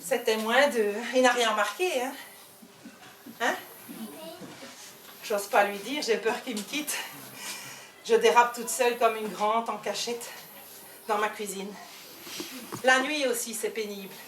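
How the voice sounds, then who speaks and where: A woman with a Belgian French accent performing a theatrical stand-up monologue on stage, swinging between loud outbursts and hushed asides. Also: on the high side, unhurried, slight background noise. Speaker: comedian. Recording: echoey hall, voice from far off, faint ambience.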